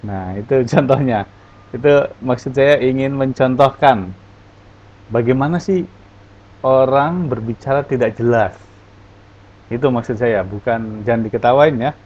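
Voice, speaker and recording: Slow-talking male English teacher. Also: mid-range voice, darkish tone. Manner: explains in Indonesian, reads English examples aloud. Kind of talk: online English lesson. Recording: dull lo-fi recording.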